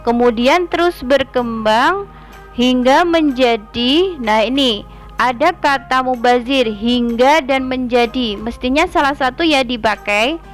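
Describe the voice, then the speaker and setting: Woman teacher, slightly high voice, patient explanatory online lesson, faint background music. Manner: slow, explanatory, reads example sentences aloud.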